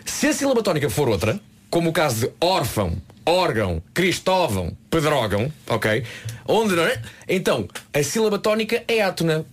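A radio co-host talking in a lively, animated way in casual morning banter, reading quotations aloud with emphasis. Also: medium pitch, a little fast. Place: radio studio.

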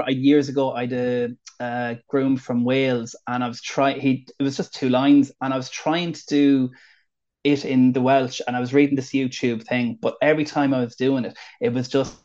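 A man's voice: medium pitch, flat delivery, brisk, darkish tone. A man with an Irish accent, a wedding celebrant from the northwest of Ireland, chatting in an interview with lots of fillers and restarts. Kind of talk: casual interview chat. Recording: dull lo-fi audio.

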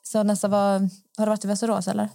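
A woman's voice: medium pitch, gravelly, loud music behind the voice. A woman podcast host, telling stories in casual chat and acting out the people in them. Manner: animated, acts out the people in her stories.

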